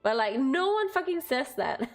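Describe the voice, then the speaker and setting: A woman's voice: sits high, sing-song, normal speed, faint music behind. A woman from Denmark chatting casually on a livestream, giggly and chatty, swearing now and then. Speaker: streamer.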